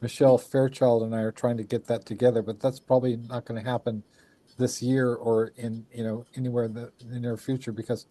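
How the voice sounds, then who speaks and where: Casting: male host, dark mellow tone, dry close sound, effusive, rambling conversational delivery. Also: mid-range voice, level tone, brisk, dry recording. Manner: effusive, rambling, repeats phrases. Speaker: show host. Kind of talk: casual chat.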